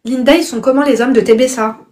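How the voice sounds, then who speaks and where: High-pitched woman live-stream host, casual chat, frank opinions, affectionate pet names for viewers. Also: steady tone, fast, darkish tone. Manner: blunt and outspoken, calls viewers darling; punctuates opinions with "I swear" and "I'm telling you the truth".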